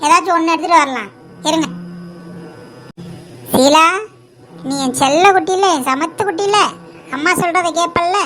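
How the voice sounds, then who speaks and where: A woman's voice: very high-pitched, normal speed, pauses often, fairly bright tone. A woman voicing a firm, loving cartoon mother. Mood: exasperated. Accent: Tirunelveli Tamil. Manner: firm, scolding, then affectionate. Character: scolding but loving mother. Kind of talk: homemade cartoon dubbing.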